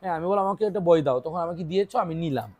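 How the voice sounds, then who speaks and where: A woman's voice: on the low side, racing, darkish tone, a little hiss or hum. A woman from Bangladesh teaching English to young children. She quizzes her pupils and repeats each English phrase alongside its Bengali meaning. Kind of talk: classroom teaching. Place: small classroom with children.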